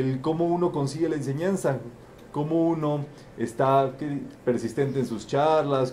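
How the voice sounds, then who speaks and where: A man leads a participatory lesson, his voice sitting a little high yet mellow and dark in tone. He asks the group questions, repeats each answer back, and caps his points with "¿verdad?". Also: a little hiss or hum. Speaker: teaching facilitator. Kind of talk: interactive group teaching talk.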